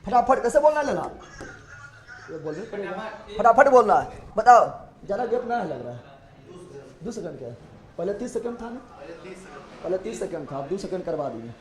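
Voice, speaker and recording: A man's voice: high voice, big pitch swings, roomy sound. A male teacher, leading a classroom lecture with call-and-response drills and teasing his students. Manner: repeats questions rapidly, teasing and joking with students. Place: classroom with students, streamed live online.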